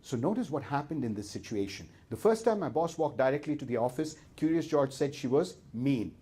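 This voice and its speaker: Guy doing a funny seminar talk, husky voice, tells stories and acts out voices. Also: mid-range voice, a little fast. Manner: lively storytelling with acted-out voices. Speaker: speaker.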